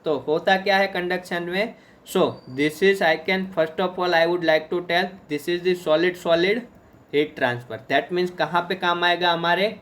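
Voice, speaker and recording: Hindi-English mixing male lecturer, fairly high voice. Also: steady tone, slow, a bit bright. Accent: Indian. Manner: mixes Hindi and English, asks and answers own questions. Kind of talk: recorded exam-prep lecture.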